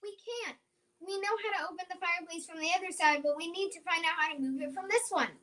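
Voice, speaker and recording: A woman playing a plucky, quick-witted little orphan girl in an old-time radio serial, speaking in an earnest, exclamatory way. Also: extremely high pitch, a bit bright. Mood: alert, resourceful.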